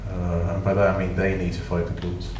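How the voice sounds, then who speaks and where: Speaking with a very low voice and a completely flat, slightly fast delivery, a British gaming channel host rambles loosely through casual gameplay commentary, poking fun at himself with dry asides. He's recorded from a distance in an echoey room, with clear noise underneath.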